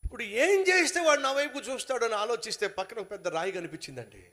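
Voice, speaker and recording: A man preaching a sermon, telling a story with dramatic shifts between quiet lines and loud emphatic bursts. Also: very high voice, animated, quick pace. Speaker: pastor.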